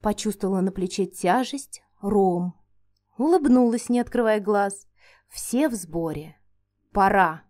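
A woman narrating a first-person fantasy audiobook in a steady storytelling reading. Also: mid-range voice, a little slow.

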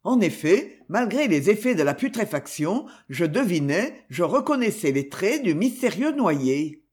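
A man reads a detective novel aloud with a theatrical flair. His voice sits high and moves animatedly through its range, turning the narration into lively storytelling. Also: a little slow. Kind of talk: audiobook reading.

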